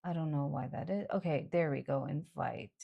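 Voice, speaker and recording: A woman's voice: low-pitched, normal speed, creaky, husky, highs cut off. A woman hosting a live Q&A stream, chatting casually and giving health advice to callers.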